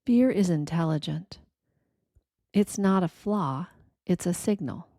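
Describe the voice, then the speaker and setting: A woman gives a quiet, reflective scripted reading in a gentle, deliberate manner, leaving pauses between short phrases. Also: on the low side, animated, no echo, clean studio sound. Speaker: narrator of a reflective spiritual reading.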